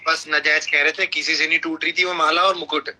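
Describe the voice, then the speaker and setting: A man's voice: a little high, level tone, brisk, sharp tone, poor audio. Agreeable man chiming in on a stream. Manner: short agreeing replies, joking. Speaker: co-host on a live stream. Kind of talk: casual live-stream chat.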